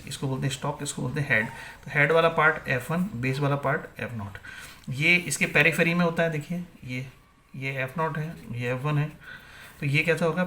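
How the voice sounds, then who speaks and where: A man teaches biology to exam students in a somewhat high voice. He keeps asking a question and answering it himself, and he slips English terms into Hindi. A faint hiss of noise sits behind him. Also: pushed and bright. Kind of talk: exam-prep lecture.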